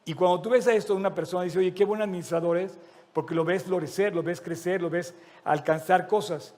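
Guy preaching, high voice, earnest and emphatic, lots of hall reverb. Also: fairly quick, a little mellow. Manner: earnest, emphatic, repeats key phrases. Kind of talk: sermon. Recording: long reverb of a large hall.

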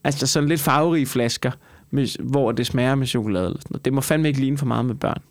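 A man's voice: medium pitch, dry recording. A Danish man hosting a casual podcast chat, swearing freely and ranting with incredulity. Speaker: podcast host; stand-up comedian.

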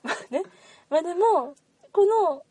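A woman with a Kansai accent, co-hosting a casual podcast chat and explaining things in a lively way. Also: extremely high pitch, measured pace, no room sound. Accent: Kansai Japanese. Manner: lively, animated explaining with laughs. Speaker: podcast co-host.

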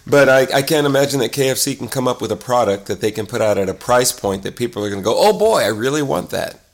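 A man co-hosting a podcast, opinionated, speaking in quick bursts. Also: medium pitch, lively intonation. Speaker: podcast co-host. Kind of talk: casual interview chat.

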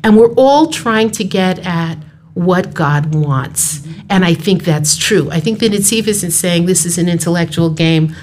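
A woman's voice: fairly low pitch, unhurried, a little mellow, a little hiss or hum. A woman who teaches Torah, explaining texts emphatically in a study conversation and weaving in Hebrew terms.

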